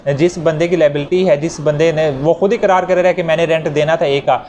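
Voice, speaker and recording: Slightly high and a little mellow, this Pakistani-accented man's voice stays steady and fairly quick as he explains law to students. He restates points in different words and uses worked examples, amid noticeable background noise.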